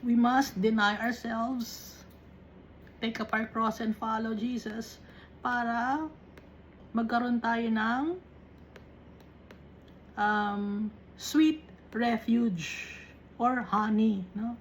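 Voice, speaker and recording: A woman teaching a Bible study, reading verses slowly and then explaining them, often checking in with little tag questions. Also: fairly high pitch, flat delivery, slight background noise, rough recording.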